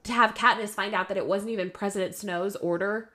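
A woman's voice: mid-range voice, fairly even intonation, brisk, bright, forceful tone. A woman co-hosting a podcast, chatting casually and animatedly, with many fillers and asides. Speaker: podcast co-host. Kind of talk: casual chat.

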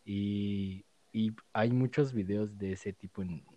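A man's voice: on the low side, fairly even intonation, slow pace, warm tone, no room sound. A man with a Mexico City accent, co-hosting a comedic podcast in laid-back, slang-heavy banter full of fillers. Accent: Mexico City Spanish. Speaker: podcast co-host. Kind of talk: casual comedic chat. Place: remote, away from co-host.

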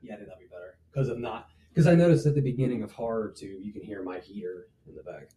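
A man's voice: fairly low pitch, quick pace, dark tone, husky. A laid-back man co-hosting a podcast in casual, rambling chat, laughing often. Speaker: podcast co-host.

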